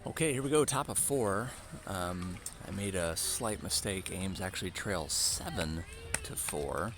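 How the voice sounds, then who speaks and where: A man's voice: low voice, animated, unhurried. A man doing casual play-by-play for a youth baseball game, with dry joking asides between calls. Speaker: play-by-play announcer.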